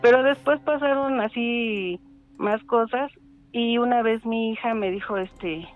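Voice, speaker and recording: Halting woman on a tinny phone. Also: a little high. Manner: halting, many fillers. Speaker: caller telling a ghost story. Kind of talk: casual phone storytelling.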